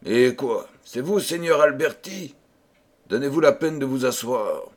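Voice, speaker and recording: A man reading a fairy tale, voicing a jealous, nervous male king in an excitable, raised voice. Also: mid-range voice, unhurried, husky.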